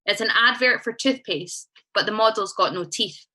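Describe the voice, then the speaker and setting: A woman's voice: mid-range voice, moderate pace, sharp tone, low-quality recording. A young Scottish woman performing spoken word poetry live, chatty and sweary as she tells stories between poems. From Scotland. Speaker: poet. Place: live stage event.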